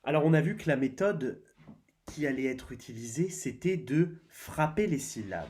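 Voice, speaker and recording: A man teaching a spelling lesson to young children, slow and deliberate, sounding out syllables and letters one by one. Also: a little high, expressive, darkish tone. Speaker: primary school teacher.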